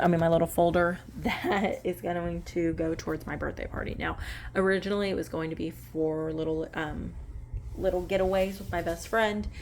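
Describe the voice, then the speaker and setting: This budgeting vlogger is a woman in her late twenties whose voice sits on the low side, with a faint hiss or hum in the audio. She talks casually while dividing cash into budget envelopes, wandering off track and fixing her words with small laughs.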